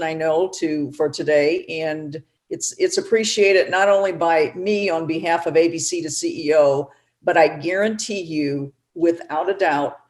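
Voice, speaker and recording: A woman's voice: low-pitched, a little mellow. A woman moderating a panel on a video call, gracious and thankful as she wraps it up.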